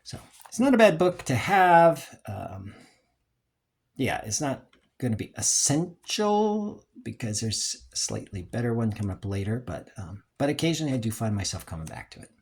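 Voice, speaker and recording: In a casual, unscripted show-and-tell, a collector reviews items hesitantly and ramblingly, often trailing off and clearing the throat. The voice is husky and creaky, medium in pitch, sing-song, and moderately paced.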